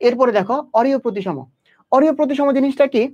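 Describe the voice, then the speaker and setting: A young man with a very high, slightly mellow voice talks fast while tutoring biology in an exam-prep lecture. His manner is quizzing: he asks the student questions directly and answers them himself. The recording sounds dull and lo-fi.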